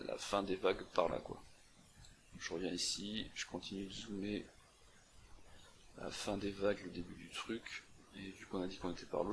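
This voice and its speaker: A young man talks through a screen puzzle in a casual, halting way, full of fillers and restarts. His voice sits low with a gravelly fry. A faint noise floor hums under the recording. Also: a bit bright. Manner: thinking aloud with many fillers and restarts. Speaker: CTF walkthrough presenter.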